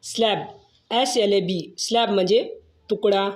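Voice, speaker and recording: Teacher voice, very slow and deliberate, spells words out letter by letter, mid pitch. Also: steady tone. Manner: slow, measured, spells each word then gives its meaning.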